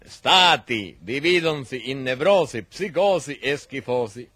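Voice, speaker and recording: An actor playing a gloomy, pompous male professor who delivers an absurdly muddled mock lecture in a radio comedy, with solemn, garbled learned diction and a husky voice. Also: medium pitch, expressive, measured pace, a bit bright, dry recording. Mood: solemnly lecturing.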